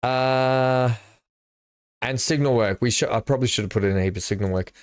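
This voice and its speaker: A man's voice: medium pitch, moderate pace, dry recording, clean studio sound. A middle-aged man, chatting and thinking aloud while he streams a building game live. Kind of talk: live gameplay commentary.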